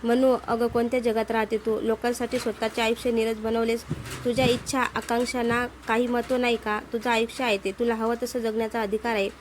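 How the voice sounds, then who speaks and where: A woman's voice: fairly high pitch, level tone, brisk, a little hiss or hum, natural voice. A woman voicing a confident young male office boss who coaxes and insists. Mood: persuasive. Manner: coaxing, insistent.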